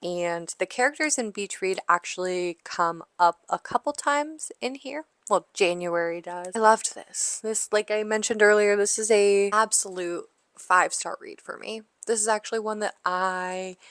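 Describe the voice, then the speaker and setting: A woman's voice: medium pitch, normal speed, hardly any pauses, a bit bright, clean tone, no echo. A woman giving a casual book review on her vlog, gushing and enthusiastic. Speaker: book vlogger.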